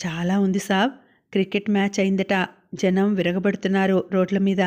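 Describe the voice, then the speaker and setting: Lady doing a meek henchman guy reporting to the boss, even flat voice, audiobook. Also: mid-range voice, moderate pace, natural voice. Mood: deferential. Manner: respectful, keeps saying sir. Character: deferential male henchman reporting to his boss.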